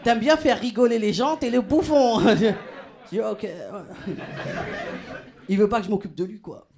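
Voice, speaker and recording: A man performs stand-up in a club, chatting with the crowd in casual slang and laughing through his punchlines with animated energy. His voice is high and creaky, and he takes his time.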